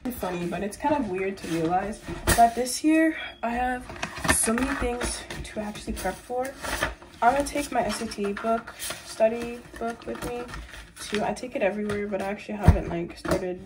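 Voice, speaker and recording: A woman's voice: on the high side, normal speed, background noise. A teenage girl in casual vlog chat, rambling with lots of filler words, filmed on a phone in her bedroom. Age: teens. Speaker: vlogger. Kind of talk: casual day-in-my-life vlog. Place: small bedroom at home. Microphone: phone camera propped nearby.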